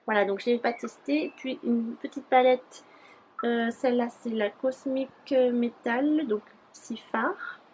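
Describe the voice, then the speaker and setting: A woman's voice: a little high, slow, a little mellow, a little hiss or hum, low-quality recording. A young woman chatting casually through a beauty haul vlog, rambling with many fillers. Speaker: beauty YouTuber.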